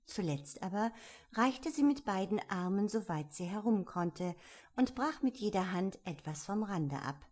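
Calm, slow woman reading a storybook. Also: medium pitch. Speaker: narrator. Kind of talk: storybook narration.

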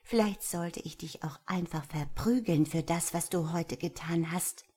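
Lady doing a bossy teasing woman, whispery and close, low husky voice. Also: measured pace, mellow. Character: teasing, dominant young woman in control.

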